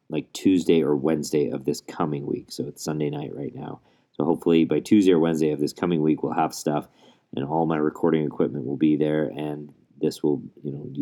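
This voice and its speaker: Very deep man, muffled under a blanket. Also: dark tone. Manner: earnest, rambling, with restarts. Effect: muffled, recorded under a blanket. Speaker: podcast host and coach. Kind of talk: casual solo podcast monologue. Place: closet at home, under a blanket.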